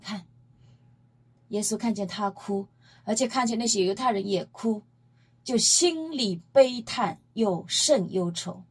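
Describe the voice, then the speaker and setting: With a measured pace and a medium-pitched voice that has a breathy edge, the woman preaches from the Bible. Her delivery is emphatic and lively as she retells scripture, posing rhetorical questions to her listeners along the way.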